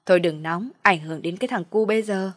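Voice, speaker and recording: A woman's voice: mid-range voice, fast talker, no echo, studio quality, close to an everyday voice. A woman voicing a doting, indulgent old father who soothes and placates. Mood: soothing.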